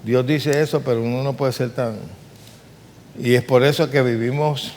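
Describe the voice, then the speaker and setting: Man, preacher, earnest and emphatic sermon, rhetorical questions, mid-pitched voice, long reverb of a church hall. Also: fairly even intonation, moderate pace, darkish tone, a little hiss or hum.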